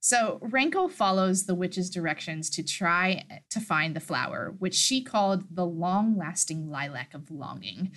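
A woman's voice: fairly low pitch, animated, a little slow, hardly any pauses, fairly bright tone. A woman co-hosting a podcast, reading and recapping a story with amused, chatty asides. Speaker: podcast co-host. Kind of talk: casual chat and story recap.

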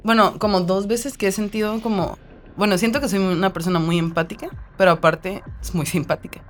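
Mexican woman host telling lively stories. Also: mid-range voice, a little fast, faint music behind. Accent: Mexican Spanish. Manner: lively storyteller, acts out quoted voices. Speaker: podcast host. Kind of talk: casual chat.

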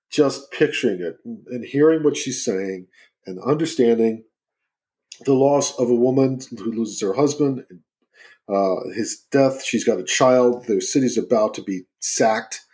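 A man hosting a relaxed talk, chiming in with agreement and short follow-up questions. His voice has an ordinary middle pitch. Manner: affirming, asks clarifying questions. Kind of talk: casual conversational interview.

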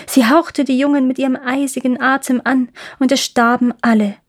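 A woman's voice: sits high, steady tone, normal speed, pitched above the performer's own voice. A woman voicing a pair of wood pigeons who speak plaintively in a storybook reading.

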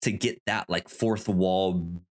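A podcast host with a deep, steady voice leads a casual discussion. His delivery is hesitant and halting, and he frequently stammers over his words.

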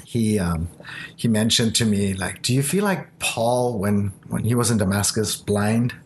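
A man born in Japan and raised in Germany, speaking English as his third language and sharing a halting, earnest testimony in casual conversation. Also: fairly low pitch, lively intonation, a little hiss or hum. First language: not English.

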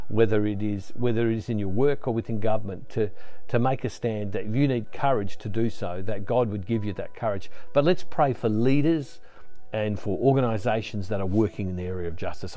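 Earnest male ministry host, mellow voice. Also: mid-range voice. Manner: earnest, repeats words as he restarts phrases. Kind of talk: devotional talk and spoken prayer. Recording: soft music underneath.

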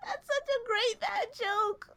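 A woman's voice: extremely high pitch, slow pace. A woman co-hosting a podcast, chatting casually and acting out quotes as she tells a story. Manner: animated storyteller, acts out quotes. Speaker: podcast co-host. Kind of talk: casual chat.

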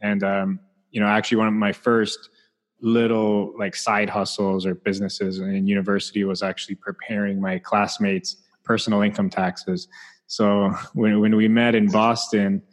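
A man's voice: fairly low pitch, level tone, normal speed, big-room sound. A man hosting a podcast interview, talking casually and upbeat with lots of fillers. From Canada. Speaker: podcast host.

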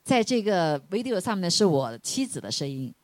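A woman pastor interpreting a sermon live, speaking quickly with fillers and soft laughs. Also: lowish voice, sing-song.

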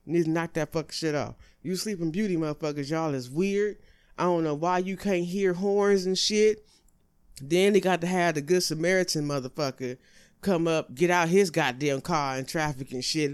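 A man hosting his own show, delivering a profane comedic rant with exasperated, high-pitched outbursts. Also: smooth. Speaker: host.

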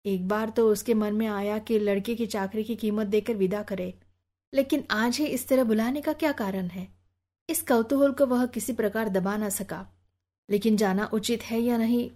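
A woman narrating a novel as an audiobook, with an even, literary reading. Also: fairly high pitch. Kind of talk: scripted narration.

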